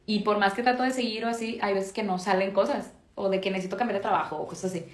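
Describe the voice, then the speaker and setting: A woman's voice: mid-range voice, fairly even intonation, fast. A woman with a Mexican accent chatting casually as co-host, rambling through stories with lots of fillers. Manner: rambling storyteller, heavy on fillers. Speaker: podcast co-host. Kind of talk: casual chat. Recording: roomy echo.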